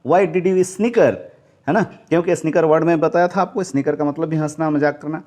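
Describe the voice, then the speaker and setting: A male English teacher with an Indian accent and a slightly higher voice leads a spoken English lesson. He says each practice sentence slowly and deliberately, repeats it, then explains it. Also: steady tone, a little mellow.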